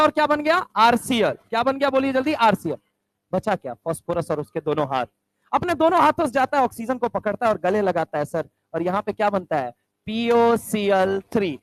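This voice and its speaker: Animated male chemistry teacher, high voice, dry sound, checks in with the class constantly. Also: no echo, poor audio. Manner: animated, keeps asking the class if they understand. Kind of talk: storytelling chemistry lecture.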